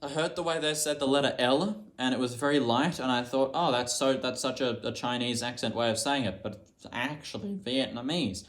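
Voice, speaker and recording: A young man just out of high school, chatting casually to the camera as a vlogger. He mocks himself and swears offhandedly. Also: brisk, few pauses. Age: young adult, just out of high school.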